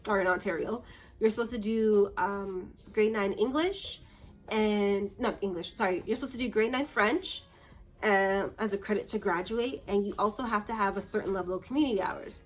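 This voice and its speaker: A woman's voice: mid-range voice, normal speed, faint music behind. A young woman from Canada telling a story to camera in a casual vlog, chatty and acting out the voices of the people in her story. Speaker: vlogger.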